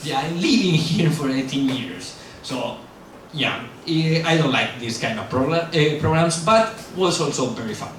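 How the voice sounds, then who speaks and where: Pitched a little high and a bit bright, this middle-aged man speaks at normal speed in an animated way. A non-native English speaker and guest at a university lecture, he gives a loose, rambling casual talk with Q&A, full of fillers and self-corrections, blunt and self-mocking. It's recorded in a large, very echoey hall on a distant mic with faint hiss.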